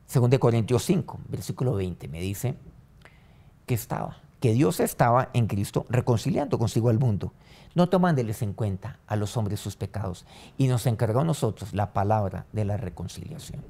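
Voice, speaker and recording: A man pastor preaching a sermon and leading a prayer, his voice swinging from loud rising lines to soft low ones. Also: expressive, normal speed, creaky. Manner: preaching with sudden rises and soft drops.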